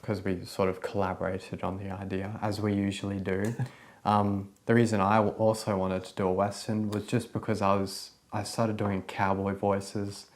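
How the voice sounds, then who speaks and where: A man with a somewhat low voice chats casually as a co-host. He rambles along with plenty of fillers. He sounds relaxed and unscripted. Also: normal speed. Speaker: filmmaker and co-host. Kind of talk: casual chat.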